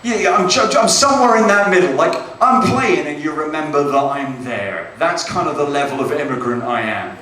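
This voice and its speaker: A man's voice: fairly high pitch, expressive, normal speed, few pauses, bright, forceful tone, far from the mic. A British man doing a stand-up comedy set, chatty and self-deprecating, often checking in with "right?". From Britain. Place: comedy club stage. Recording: echoey club, mic heard from afar.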